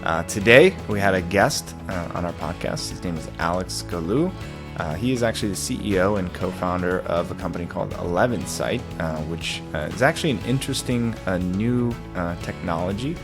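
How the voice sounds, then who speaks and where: A man hosting a podcast, introducing a guest with many filler pauses. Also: low voice, animated, music in the background. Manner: many filler "uh"s, halting delivery. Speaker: podcast host.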